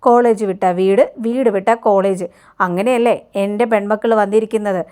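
A woman voicing a scheming, sharp-tongued middle-aged woman who taunts and sneers. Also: mid-range voice, steady tone, normal speed, clear, resonant tone, natural voice. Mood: taunting. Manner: taunting, sarcastic.

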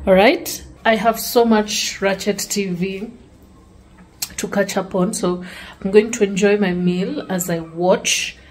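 In this roughly recorded clip with slight background noise, a lifestyle vlogger speaks at a medium pitch. She's a young woman filming at home on a handheld camera, moving between her kitchen and dressing room, chatting in a relaxed way and addressing her viewers as "guys."

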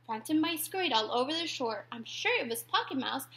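A woman voicing a kind, caring female beach educator in a storybook read-aloud, speaking softly and gently. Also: high voice, expressive, brisk, slight background noise. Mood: gentle.

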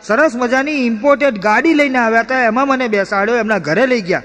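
A male stand-up comedian and mimic telling animated comic stories on stage, switching into character voices. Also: extremely high pitch, quick pace. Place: stage performance hall with audience. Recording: echoey hall reverb.

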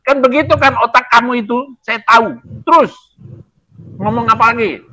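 A man's voice: very high-pitched, normal speed, bright, forceful tone, no room sound, poor audio. A man in a heated religious debate, scolding and combative.

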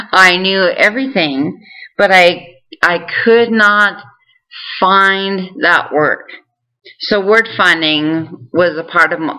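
A woman's voice: fairly low pitch, sharp tone, rough recording. A woman talking casually and earnestly to her viewers, encouraging them as she shares what she has learned. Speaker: vlogger sharing recovery tips. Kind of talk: casual direct-to-camera talk.

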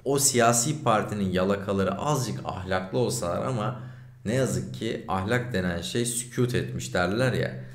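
A man, a journalist streaming, giving indignant, animated commentary over a video clip. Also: on the low side, moderate pace, reverberant.

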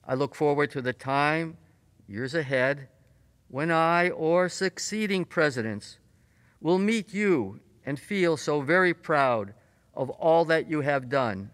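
A man delivering a formal commencement address, solemn and measured. He speaks very slowly in a slightly high voice. The voice is close and dry, with a long hall reverb behind it. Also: lively intonation, fairly bright tone. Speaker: college president.

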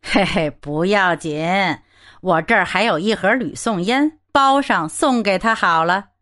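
A woman voicing an older, gentle gentleman who chuckles and speaks slowly and softly in an audiobook. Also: mid-range voice, lively intonation. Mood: mild chuckling. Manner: slow, soft, chuckling.

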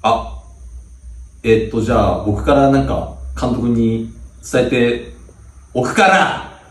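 A man acting a bossy high school senior athlete who barks rough orders at juniors in a comedy sketch. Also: slow pace, natural voice. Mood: cowed. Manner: barking rough orders, berating. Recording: echoey room, mic from a distance.

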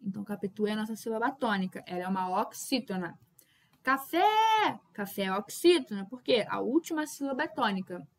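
A young adult woman teaching a Portuguese grammar lesson at a whiteboard. She explains patiently, keeps checking in with her students, and calls out example words loudly to show their stress. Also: medium pitch, fast, few pauses.

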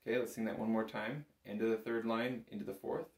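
Speaking fast in a level, lowish voice, this bagpipe instructor gives a relaxed, step-by-step lesson, counting out beats and checking on his student as he goes. The room is small, indoors and full of instruments, and the camera mic a little way in front picks up a roomy echo.

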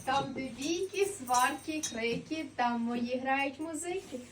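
Nimble, boastful little devil played by a woman, high voice, declaimed verse for a nativity play, mic at a distance. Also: takes it slowly. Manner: rhymed declamation. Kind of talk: Christmas nativity folk play. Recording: distant mic, faint background noise.

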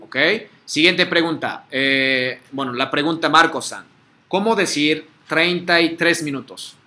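A man teaches a class, pausing often to check that his students follow. His voice is fairly high for a man and sounds bright and sharp. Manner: patient, repeats words for students to echo, frequent "¿sí?" checks. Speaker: Japanese language teacher. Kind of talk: online class drill, call and repeat.

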